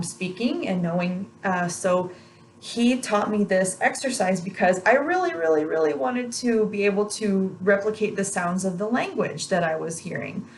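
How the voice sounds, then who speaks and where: A woman's voice: medium pitch, a little hiss or hum, rough recording. A woman giving an instructional pronunciation lesson on rolled R exercises, repeating practice sounds in an encouraging way. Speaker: language pronunciation teacher.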